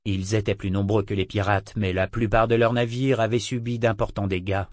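A man narrating a novel aloud in a measured, steady reading style. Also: on the low side, no room sound, studio quality. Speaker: audiobook narrator. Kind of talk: scripted narration with character voices.

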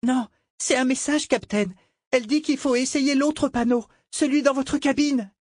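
A man's voice: very high-pitched, fairly even intonation, moderate pace, darkish tone, no echo, clean studio sound, pitched above the performer's own voice. A man voicing a frightened, hurt young boy in an audiobook. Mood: frightened urgency. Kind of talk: audiobook character voice.

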